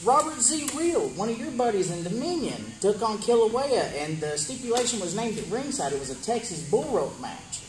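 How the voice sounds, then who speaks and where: A man's voice: sits high, very animated, normal speed, hardly any pauses. A man hosting a wrestling promo interview, announcing upcoming matches and putting questions to a wrestler. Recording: echoey room with music behind.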